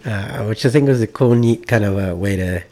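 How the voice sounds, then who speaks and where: A man's voice: lowish voice, normal speed, a little mellow. A man hosting a casual music interview, rambling with many restarts and fillers. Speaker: host.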